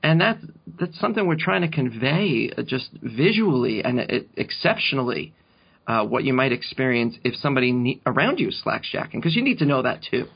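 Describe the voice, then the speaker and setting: A man co-hosting a comedic podcast, deadpan and halting, with slow absurd asides. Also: medium pitch, creaky, husky. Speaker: podcast co-host. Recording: lo-fi podcast recording.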